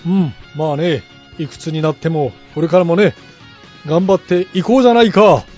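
A woman's voice: fairly low pitch, moderate pace, a little mellow, faint music behind. A woman hosting a radio show in casual chat, playful and mock-pompous at times. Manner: playful, mock-pompous old-fashioned phrasing. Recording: slightly dull radio recording.

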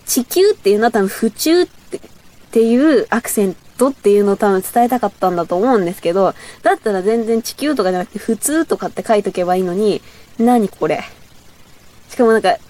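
A woman's voice: medium pitch, darkish tone. A young woman from Chiba with a Boso dialect, hosting a casual solo talk show, reading out her old memos in a rambling, self-mocking way. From Chiba, Boso area. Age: young adult. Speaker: radio show host.

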